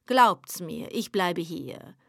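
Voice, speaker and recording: A woman's voice: lowish voice, animated, extremely slow, fairly bright tone, no room sound, studio quality, voice pushed down, full character voice. A woman putting on a sly purring devil. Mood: sly courtesy. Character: sly, courteous male devil, smooth and coaxing.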